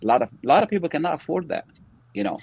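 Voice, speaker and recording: A man's voice: on the high side, big pitch swings, rapid-fire, gravelly, slightly rough, muffled recording. A man speaking earnestly in an interview discussion, repeating words as he thinks.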